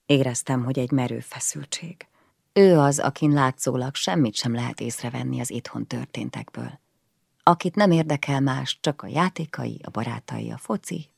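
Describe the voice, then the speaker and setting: A woman's voice: very deep voice, creaky, a little mellow, no room sound, studio quality. A woman reading a first-person novel aloud in an intimate way, often dropping to a whisper. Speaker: audiobook reader.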